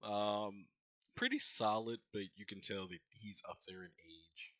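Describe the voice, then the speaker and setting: Male game master, somewhat low and forceful, improvising tabletop narration in halting bursts. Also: steady tone, no room sound.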